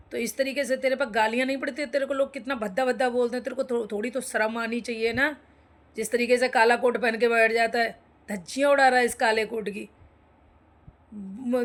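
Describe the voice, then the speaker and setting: A woman ranting to viewers in an indignant, scolding way, talking straight at the people she criticizes. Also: a little high. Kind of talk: angry opinion rant to viewers.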